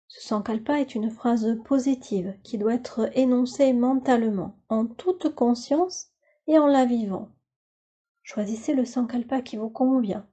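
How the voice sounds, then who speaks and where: With a slightly high voice carrying a breathy edge, a woman teaches yoga nidra, calmly leading relaxation in measured instructions. High frequencies are missing from the audio.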